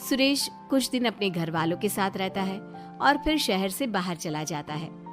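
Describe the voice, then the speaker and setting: A woman narrating a family story in a plain, even storytelling manner. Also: mid-range voice, normal speed, over music.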